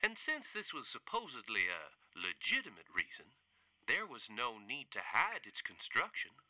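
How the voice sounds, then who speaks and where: Animated, very bright-voiced male storyteller. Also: medium pitch, moderate pace, no room sound, lo-fi sound.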